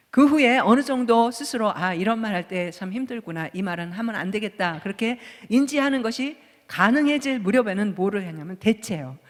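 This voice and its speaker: A Korean woman pastor in her fifties giving a conversational sermon, asking the congregation rhetorical questions. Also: fairly high pitch. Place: church sanctuary. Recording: long church hall reverb.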